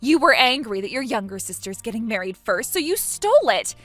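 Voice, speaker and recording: A woman's voice: fairly high pitch, sing-song, a little fast, a bit bright, faint music behind. A woman in her twenties voicing a smug, spiteful younger sister who mocks and laughs at others, in a voiced text-message story. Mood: accusing. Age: 20s.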